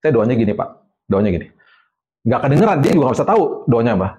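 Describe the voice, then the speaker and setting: Middle-aged guy preacher, chatty lively storyteller, mid pitch. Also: very fast. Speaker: evangelist guest. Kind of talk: casual interview storytelling.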